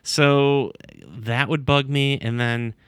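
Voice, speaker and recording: Rambling male podcast guest, smooth dry voice. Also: mid-range voice, fairly even intonation, slow pace, fairly bright tone, no room sound. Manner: rambling with many ums and likes, slips into silly voices. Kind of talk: casual podcast chat.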